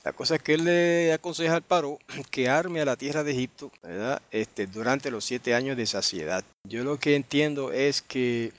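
A man's voice: mid-range voice, a bit bright. A man leading an online Bible study, reading verses aloud and then commenting on them, often checking with his listeners and thinking aloud with restarts. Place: online group meeting.

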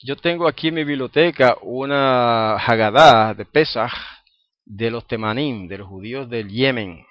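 A man teaching Hebrew in a religious talk, rambling and circling back over his words. His voice sits at an ordinary middle pitch. The recording is dull and dry, with no room sound. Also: measured pace, no room sound. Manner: rambling, repeats words while searching for them. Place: home library.

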